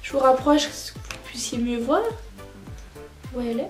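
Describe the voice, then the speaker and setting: A woman narrating a makeup tutorial as a vlogger, chatty and relaxed with lots of filler words. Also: high-pitched, measured pace. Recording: roomy echoey room, faint music.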